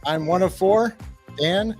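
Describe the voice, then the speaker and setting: A man's voice: high voice, takes it slowly, a little mellow, soft background music. A man co-hosting a podcast in casual chat, upbeat and joking, laughing often. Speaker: podcast co-host.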